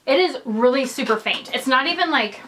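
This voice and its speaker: A young woman vlogger chatting casually and excitedly through an unboxing, rambling as she goes. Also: sits high, a little fast, slight background noise, low-quality recording. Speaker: fashion vlogger.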